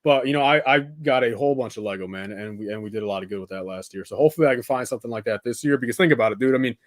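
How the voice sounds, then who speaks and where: During a building livestream, a young man speaks rapid-fire in a medium-pitched voice, chatting unscripted and drifting between thoughts. He addresses viewers informally with "dude" and "man," and the sound is dry, with no echo and very little room.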